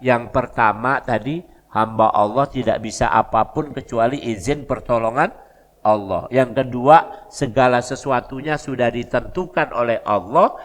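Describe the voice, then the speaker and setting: A man's voice: medium pitch, fairly bright tone. Palembang-accented man preaching in a hall. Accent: Palembang Malay. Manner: conversational storytelling with local dialect asides. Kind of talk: mosque lecture. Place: mosque hall. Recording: long reverb of a mosque hall.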